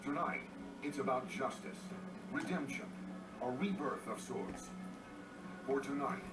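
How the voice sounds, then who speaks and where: A male announcer gives a solemn, swelling promo narration, heard from an old VHS tape playing on a television. His voice reaches the mic from across the room, with a roomy echo and loud music pushing beneath it. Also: medium pitch, animated, measured pace. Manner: solemn, building emphasis. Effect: played from an old VHS tape on a TV. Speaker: wrestling broadcast announcer. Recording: echoey distant TV speaker, loud music. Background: loud music and chatter in the room.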